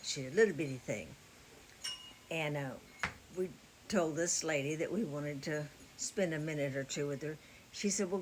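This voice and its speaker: A woman's voice: low-pitched, slight background noise. An older woman from South Carolina, earnestly telling a faith story in a folksy, casual way. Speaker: TikTok creator sharing a faith story. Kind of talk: casual spoken testimony.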